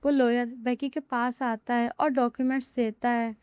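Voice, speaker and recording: A woman reads a romance story aloud in a steady, dramatic style. Her voice is high and smooth, with a mellow tone. The recording is dry and close to the mic. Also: moderate pace, no room sound.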